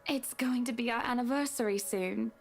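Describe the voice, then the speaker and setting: A woman's voice: a little high, normal speed, creaky, soft background music. A woman voicing a snobby, sweetly condescending rich woman in a game playthrough.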